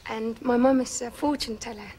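A woman's voice: on the high side, fairly even intonation, moderate pace, warm tone, slight background noise. A young woman from Iceland with an Icelandic accent, talking as a musician guest in a late-night TV studio, hesitant and dreamy with a lot of "kinda". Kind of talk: casual talk-show interview.

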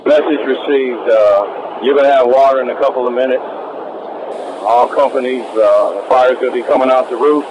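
A male fire chief speaks over a noisy two-way radio in an urgent firefighter manner. His mid-pitched voice gives terse orders, with pauses while he thinks. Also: highs cut off. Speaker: fire chief commanding at a fire scene. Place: outdoors at a fire scene. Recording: noisy fireground radio transmission.

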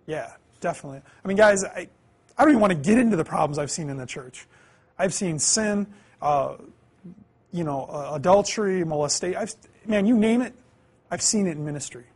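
Man in his 30s, classroom lecturer; high, husky voice, earnest, quizzes the room. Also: expressive, fairly quick. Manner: earnest, asks the class questions, swings between loud emphasis and quiet asides. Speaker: Bible class teacher. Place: classroom, indoors.

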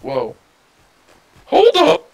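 Gravelly man taunting over noisy voice chat. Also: fairly high pitch, wildly swooping pitch, very slow. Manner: taunting, chanting and complaining. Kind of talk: online game voice chat.

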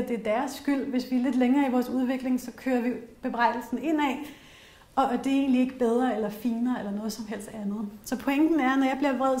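A middle-aged woman with a Danish accent presents a casual workshop on essential oils to a small audience, chatty and candid, with frequent fillers and personal anecdotes. Her voice is high-pitched and a little mellow, and the workshop room sounds roomy and echoey.

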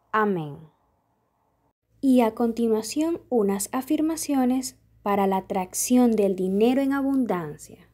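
Slow, soft-spoken woman reading a prayer. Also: medium pitch. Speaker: prayer reader. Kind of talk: slow guided prayer and affirmations.

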